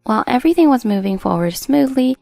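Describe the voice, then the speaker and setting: A woman reading a first-person drama story as a narrator in a steady storytelling delivery. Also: on the high side, fast, creaky, no room sound, soft background music.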